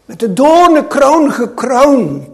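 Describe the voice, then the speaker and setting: High-pitched man, slow deliberate sermon with dramatic swings in loudness. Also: big pitch swings. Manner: slow, dramatic delivery with wide swings between loud and hushed. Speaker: preacher. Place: church.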